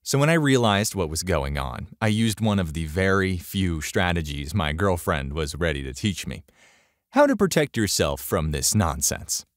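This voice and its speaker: Deep-voiced sarcastic male storyteller. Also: big pitch swings, normal speed, no echo, studio quality. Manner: sarcastic, exasperated. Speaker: story narrator. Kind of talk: storytelling narration.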